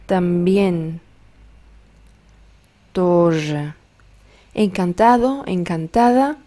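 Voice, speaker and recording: A woman's voice: mid-range voice, warm tone. A woman teaching a beginner language lesson, patiently drilling new words and modeling their pronunciation.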